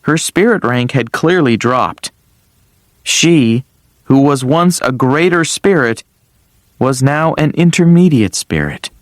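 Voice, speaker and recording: A man narrating an audiobook in a calm storytelling way. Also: mid-range voice, takes it slowly, dry recording, studio quality.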